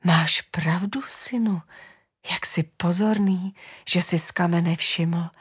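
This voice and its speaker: A woman voicing a kind, poor village father in a storybook, speaking calmly and half in a whisper. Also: lowish voice, slightly rough. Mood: hushed. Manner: calm, hushed, half-whispered. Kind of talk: storybook narration.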